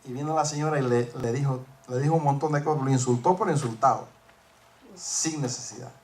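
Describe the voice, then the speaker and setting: A man's voice: mid-range voice, brisk, a little hiss or hum. A man preaching a sermon, telling a workplace story and acting out the dialogue, rising to emphatic peaks. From northern United States.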